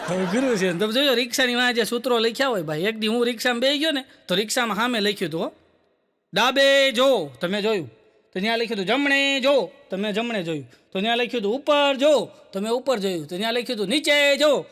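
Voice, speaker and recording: A man telling stand-up jokes as a chatty storyteller, acting out quick bits of dialogue. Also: very high-pitched, lively intonation, a bit bright. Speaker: stand-up comedian. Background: audience laughter.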